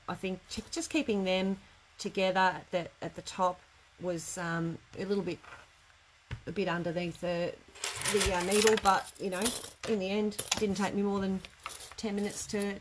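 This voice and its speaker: In an indoor craft studio workroom, a middle-aged woman with a mid-range voice leads a live class in a relaxed, somewhat rambling tutorial chat. The recording is rough, with clear background noise from the room.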